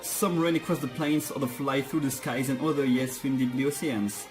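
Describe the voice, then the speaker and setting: A man's voice: mid-range voice, fairly even intonation, a little fast, over music, lightly acted. A man reading out a game professor's welcome lines in a cheap put-on American accent. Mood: grand, slow.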